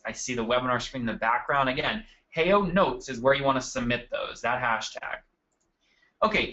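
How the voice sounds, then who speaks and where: Upbeat male webinar host, bright edgy tone, casual and chatty, slightly muffled desk audio. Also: medium pitch. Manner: upbeat, addresses attendees by name. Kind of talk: live marketing webinar presentation. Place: at a desk indoors.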